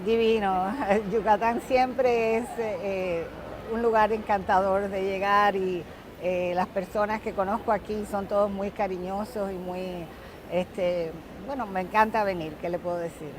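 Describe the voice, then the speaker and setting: A woman in her seventies, born in Cuba, telling her family's story in an interview, with many fillers and an unhurried pace. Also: mid-range voice, fairly even intonation, background noise. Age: 70s. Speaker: author.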